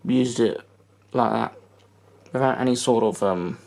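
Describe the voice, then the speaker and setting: A man's voice: mid-range voice, measured pace, vocal fry, darkish tone. A man chatting casually as he shows off his computer, hesitant and trailing off often. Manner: hesitant, lots of ums and trailing off. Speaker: tech vlogger. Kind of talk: casual chat while showing his computer.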